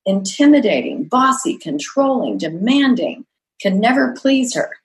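A woman's voice: on the high side, big pitch swings, a little slow, low-quality recording. A middle-aged woman, an executive coach, answering interview questions in an earnest, reflective way.

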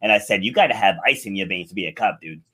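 A man's voice: on the low side, expressive, fast, bright, forceful tone, breathy edge. A middle-aged man hosting a podcast, chatting casually and laughing a lot. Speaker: podcast host. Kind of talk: casual interview chat.

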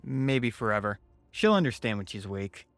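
A man's voice: lowish voice, very animated, moderate pace, fairly bright tone, no echo. A man telling a scripted first-person horror story as its narrator. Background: music.

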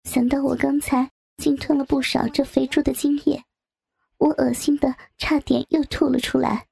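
A woman narrating a first-person adult story in a soft, breathy, near-whispered delivery. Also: sits high, little pitch movement, normal speed.

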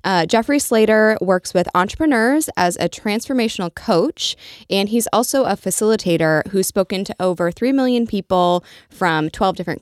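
A woman co-hosting a podcast in a casual chat, speaking informally with hesitant pauses. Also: mid-range voice, clear, resonant tone, dry recording, studio quality. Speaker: podcast co-host.

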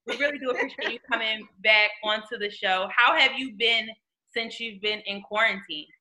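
A woman's voice: on the high side, moderate pace, bright, forceful tone. A woman co-hosting a talk show in a casual, conversational style. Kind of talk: casual chat.

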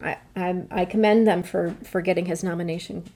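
A woman's voice: fairly low pitch, steady tone, fairly quick, warm tone. A woman co-hosting a podcast in casual chat, speaking earnestly and building to impassioned points. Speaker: podcast co-host.

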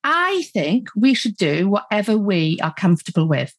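Steady, self-assured woman guest. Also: medium pitch, normal speed, no room sound. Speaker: podcast guest, money coach. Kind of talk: conversational interview.

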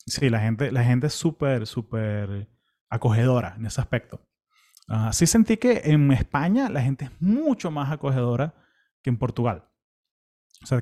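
A young man from Venezuela with a Venezuelan Spanish accent, casually recounting a long walking pilgrimage in a relaxed, chatty way full of fillers and restarts. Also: mid-range voice. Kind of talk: casual travel storytelling.

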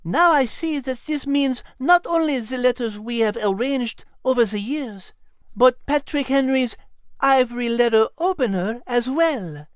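A man reading a storybook, voicing a clever female animal with a French accent, eager and quick to connect clues. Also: very high voice, lively intonation, clear, resonant tone, dry recording, voice pushed up. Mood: thoughtful. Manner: marveling, quick to piece things together. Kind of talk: storybook character voice.

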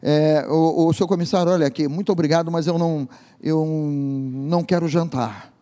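A man's voice: on the high side, fairly even intonation, normal speed, warm tone, close to an everyday voice. A man voicing a timid, worried male passenger who hesitates and stammers, in a reverberant hall. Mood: anxious.

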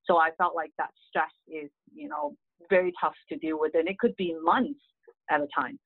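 A woman's voice: low voice, big pitch swings, normal speed, husky, no room sound. Woman, middle-aged, earnest, thin phone-like sound, dry. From Hong Kong. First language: Cantonese. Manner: earnest, many "you know" fillers. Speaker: guest, real estate agent. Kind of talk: casual interview answers. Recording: dry tinny phone-like line.

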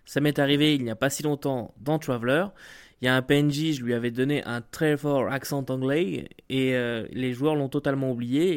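A man talking casually to camera about running tabletop role-playing games, with the odd filler. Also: medium pitch. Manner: conversational, lively, with occasional fillers. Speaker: tabletop game master giving advice. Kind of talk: explanatory video talk.

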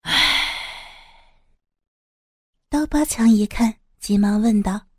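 A woman narrating an audiobook story in an even, measured way. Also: mid-range voice, breathy edge, no echo, clean studio sound.

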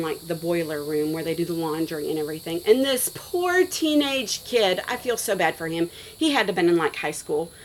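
A woman in her forties recounts a story in a relaxed interview, her voice sitting a little low. She talks in an animated, loose way, peppered with "like" and "you know.". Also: poor audio. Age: 40s. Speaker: guest, schoolteacher.

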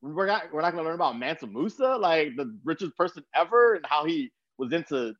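This podcast host is a young American guy from Texas who talks in a loose, slangy, rambling conversational style. He sounds a little high and very animated, speaking a bit fast with a fairly bright tone. The recording is dry, though slightly muffled.

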